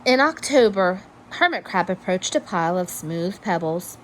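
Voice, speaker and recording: A woman reading a children's story aloud in an expressive, measured storytelling manner. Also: fairly low pitch, slight background noise, poor audio. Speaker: storybook reader. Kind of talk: children's read-aloud narration.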